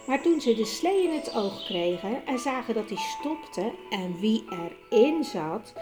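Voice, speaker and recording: Woman narrator for a children's audiobook, slow and measured, music bed behind. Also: fairly high pitch. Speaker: storyteller.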